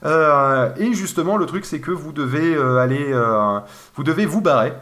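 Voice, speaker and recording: A man's voice: a little high, animated, moderate pace, a bit bright. A man in casual chat, describing a video game with many fillers and restarts. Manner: rambling, hesitant, lots of fillers. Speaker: video game podcast co-host.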